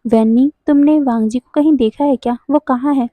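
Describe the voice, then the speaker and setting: A woman's voice: sits high, steady tone, a little fast, mellow, no room sound. A woman voicing a pleading young man. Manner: pleading, sweetly insistent. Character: cheerful pleading young man, clingy lover.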